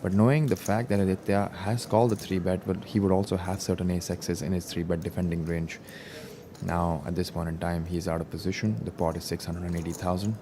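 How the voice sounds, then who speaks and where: A man giving live poker commentary in a measured, explanatory way. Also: sits low, little pitch movement. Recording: noisy live-event ambience.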